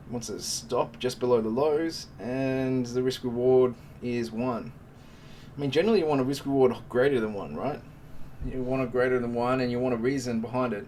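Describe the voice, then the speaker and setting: A man's voice: medium pitch, normal speed, darkish tone, far from the mic, a little hiss or hum. A man hosting a trading live stream, giving casual, joking market commentary and calling viewers "mate". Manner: chatty and joking, talks to the viewers as mates.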